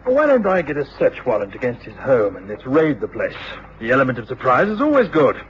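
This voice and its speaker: English police inspector, blunt, doubting, loyal, lively intonation, old radio play, dull recording. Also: male voice, medium pitch, brisk. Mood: matter-of-fact. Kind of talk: radio drama acting. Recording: muffled, noisy old radio drama recording.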